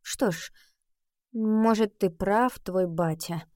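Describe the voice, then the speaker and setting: A woman voicing a sharp-tongued teenage schoolgirl who wants to write a book, exasperated and sarcastic, in an audiobook. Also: mid-range voice, slow, no room sound, clean studio sound, close to an everyday voice. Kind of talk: audiobook reading.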